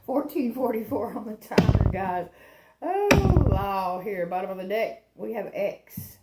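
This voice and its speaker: A woman with a gravelly, creaky voice talks through a casual tarot reading, rambling and chatty. She laughs at herself as she goes. Her voice bounces around an echoey room over loud background noise. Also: medium pitch, unhurried. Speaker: tarot reader and channel host.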